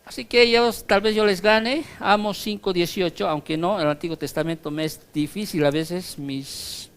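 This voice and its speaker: A man's voice: high-pitched, steady tone, normal speed, smooth. A male pastor teaching a Bible study in a conversational way, often checking that his listeners follow, and reading scripture aloud with emphasis.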